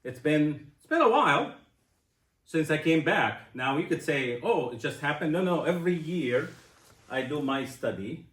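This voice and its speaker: A man in his sixties giving a personal testimony speech, animated and asking his audience questions. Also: a little high, moderate pace, echoey room. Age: 60s. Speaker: speaker.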